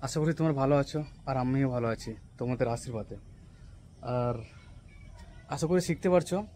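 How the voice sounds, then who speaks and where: A young man whose first language is Santali, casually teaching words on an outdoor rooftop vlog, repeating each word slowly and often checking if listeners follow. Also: mid-range voice, darkish tone, slight background noise. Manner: slow, drawn-out repetition of taught words, often asking "right?". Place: rooftop outdoors on a cloudy day.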